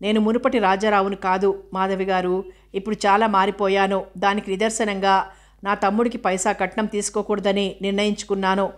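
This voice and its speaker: A woman's voice: medium pitch, flat delivery, fairly quick, close to an everyday voice. A woman voicing a stiff, formal middle-aged man. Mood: firm. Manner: stiff, recited, firm.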